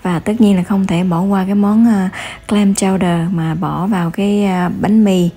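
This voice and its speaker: Lady narrating her family trip vlog, kinda husky and soft, lots of uh pauses. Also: medium pitch, fairly even intonation. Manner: hesitant, many filler pauses. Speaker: travel vlogger. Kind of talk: voice-over travel narration.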